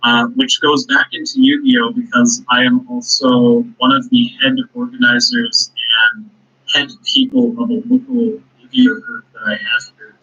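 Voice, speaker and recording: A young man being interviewed in casual chat, listing his hobbies with frequent fillers and pauses. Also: medium pitch, sing-song, pushed and bright. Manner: hesitant, lists his talents with fillers. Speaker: guest. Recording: dull lo-fi audio.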